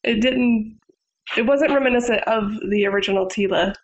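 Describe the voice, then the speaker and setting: A woman's voice: a little high, moderate pace. Agreeable woman on a dull-sounding mic. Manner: agreeable, brief replies. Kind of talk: casual chat.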